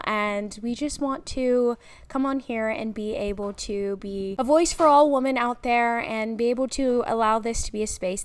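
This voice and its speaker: A woman in her mid-twenties co-hosting a podcast, chatting casually and laughing often. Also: on the high side. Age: 20s. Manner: giggly, chatty, searches for words. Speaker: podcast co-host. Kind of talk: casual chat.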